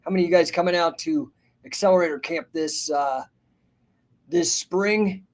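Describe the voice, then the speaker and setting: A fifty-year-old man hosting a live stream, with a voice that sits a little high for a man. He talks in a chatty, rambling way, reads out viewer names and answers comments. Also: normal speed. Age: 50s. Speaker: host and business coach. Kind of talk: casual livestream talk.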